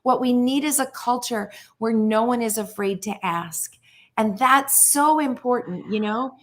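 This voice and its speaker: A woman's voice: fairly high pitch, a little slow, a bit bright. A woman speaking as a guest expert on a talk show, earnest and telling a story, often repeating words as she restarts. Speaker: guest psychologist.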